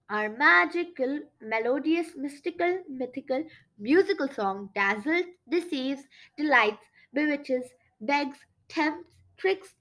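A woman reading a children's book aloud as storyteller, with chatty, animated asides to her listeners. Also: sits high, low-quality recording.

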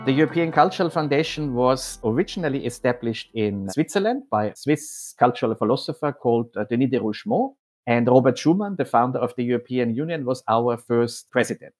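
Austrian man, measured explanatory talk. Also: medium pitch, animated, darkish tone, soft background music. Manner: measured, explanatory, with occasional hesitations. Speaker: head of programs at a foundation. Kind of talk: podcast interview monologue.

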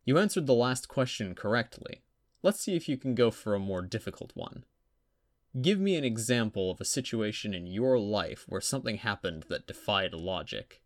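A man voicing a calm, self-assured boy who acts as a teacher, speaking in a measured, coaxing way in a dry, close recording. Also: on the low side, dry recording, natural voice.

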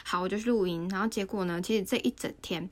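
A woman's voice: mid-range voice, steady tone, fast. A woman, co-hosting a podcast and telling a sad story in a casual, emotional way. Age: 30s. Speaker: podcast co-host. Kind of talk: casual chat.

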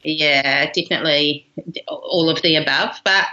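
A woman's voice: low voice, a little slow, bright, forceful tone, lo-fi sound. A woman from New Zealand with a broad Kiwi accent, telling her story casually as an interview guest. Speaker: podcast guest, pilot and former rugby player.

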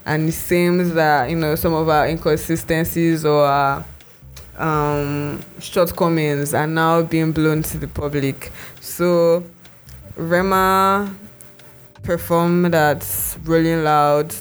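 A co-host chats loosely through a podcast, trailing into fillers and restarting thoughts as they go. The voice sits at a middling pitch, neither high nor low. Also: little pitch movement, slow pace, clean tone, soft background music. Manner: rambling, heavy use of "like" and restarts. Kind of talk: casual podcast chat.

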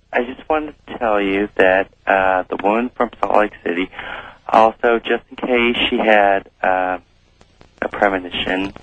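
A man from California calling in to a radio show over a phone line, talking in a hesitant, halting way with many pauses. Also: low-pitched, a bit bright, no echo. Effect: heard over a phone line. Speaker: caller. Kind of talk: call-in to a late-night radio show.

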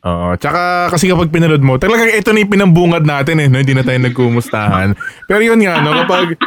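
A man's voice: fairly high pitch, quick pace. A Filipino man co-hosting a podcast, chatting casually and animatedly. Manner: animated, quotes lines in put-on voices. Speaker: podcast co-host. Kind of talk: casual chat.

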